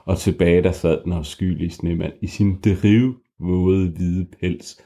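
Deep-voiced father telling a bedtime story. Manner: animated, swooping into voices and sound effects.

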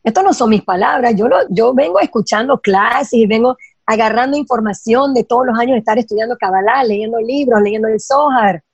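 Husky high-voiced woman giving spiritual advice. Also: a little fast, no echo, dull audio. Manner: emphatic, asks rhetorical questions, mixes in English phrases. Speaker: guest teaching Kabbalah ideas. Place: lives in Los Angeles.

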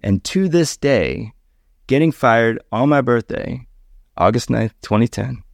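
Gravelly-voiced man telling a personal story. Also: mid-range voice, expressive, measured pace, no room sound, clean studio sound. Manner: conversational, acts out quoted voices. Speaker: podcast guest. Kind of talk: casual storytelling.

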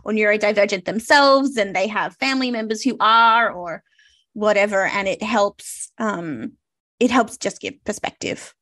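A woman's voice: medium pitch, moderate pace. Woman host, affirming and encouraging, casual interview tone. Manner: warm affirming listener. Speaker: podcast host.

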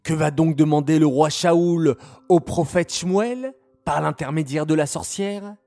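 A man narrates a children's story slowly and deliberately, turning to the young listeners to ask them questions. His voice is gravelly and somewhat high, and he draws out his phrases. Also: mellow. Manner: slow, addresses children directly.

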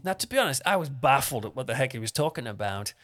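A man's voice: mid-range voice, very animated, fast talker, a bit bright. A young man giving a conversational, self-deprecating devotional talk as a preacher. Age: young adult.

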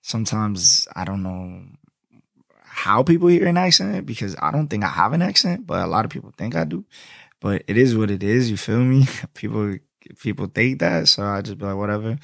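A man's voice: lowish voice, expressive, normal speed, creaky, a bit bright, dry recording, clean studio sound. A young man from Florida with a Florida accent, hosting a solo podcast in laid-back, slangy talk. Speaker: podcast host.

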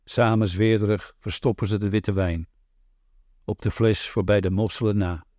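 A man reading a literary novel aloud in a measured, deliberate way. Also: fairly low pitch, steady tone, darkish tone, no room sound, clean studio sound. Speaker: audiobook narrator.

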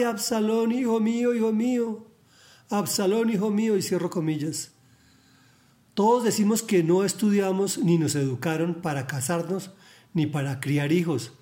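High-voiced man preaching. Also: darkish tone. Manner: earnest, emphatic, preachy. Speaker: devotional Bible reader. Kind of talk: Bible reading and devotional reflection.

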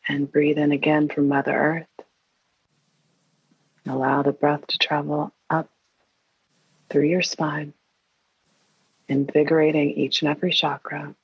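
A woman leading a guided meditation in an airy, breathy, soothing and hushed voice, leaving long pauses. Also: low voice, level tone. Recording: roomy, dull lo-fi sound.

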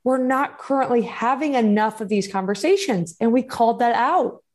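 A woman's voice: a little high, normal speed, a little mellow. A woman hosting a motivational podcast solo, talking in an encouraging, earnest, emphatic and conversational way. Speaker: podcast host and growth coach.

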